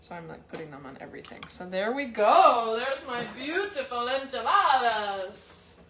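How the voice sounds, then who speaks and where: A chatty, bubbly woman hosts a casual live cooking demo from her home kitchen, speaking directly to viewers and selling cookware as a sales consultant. Her voice is a little high, bright and forceful, with big pitch swings at a moderate pace.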